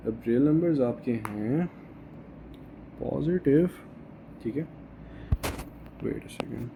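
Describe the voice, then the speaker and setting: Over a gravelly, phone-quality line, a medium-pitched man slowly walks students through a math lesson step by step. Switching between Hindi and English, he often asks "okay?" to check understanding, with faint noise in the background.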